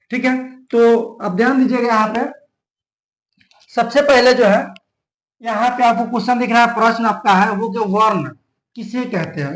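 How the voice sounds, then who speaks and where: A man's voice: high voice, roomy sound, poor audio. A young man teaching an online grammar lesson, explaining step by step and repeating points often.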